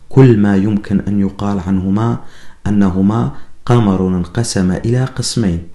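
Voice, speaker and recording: Brief: male author narrating his novel, low and mellow, measured pacing, echoey room. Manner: measured storytelling. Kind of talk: audiobook narration.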